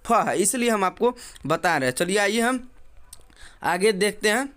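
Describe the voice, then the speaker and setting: A man's voice: high-pitched, animated, a bit bright. A man teaching an English phonics lesson, repeating points and asking the viewer questions. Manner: slow, drawn-out letter-by-letter spelling.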